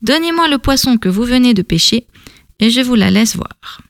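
Brief: storybook boy, wary, bargaining, quietly lowered voice, played by a woman narrator, dry recording. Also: animated, moderate pace, no room sound. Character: shrewd, wary young boy wanderer.

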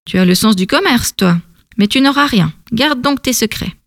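A woman voicing a blunt, suspicious grown fisherman in a storybook, in a higher, raised voice. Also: expressive, normal speed, no room sound, clean studio sound.

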